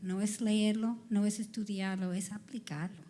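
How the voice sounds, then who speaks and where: A woman answering questions at a church event, thoughtful and pausing with fillers. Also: medium pitch, fairly even intonation, warm tone, slight background noise. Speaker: pastor's wife, guest speaker.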